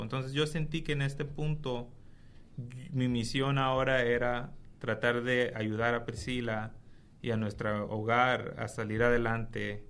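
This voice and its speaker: A man, an interview guest, giving an earnest, measured personal testimony. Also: mid-range voice, a bit bright.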